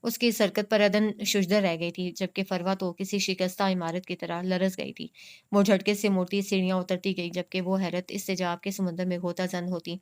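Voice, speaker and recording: A woman reading a romance novel aloud in steady, measured scripted narration. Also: lowish voice, clear, resonant tone. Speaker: novel reader.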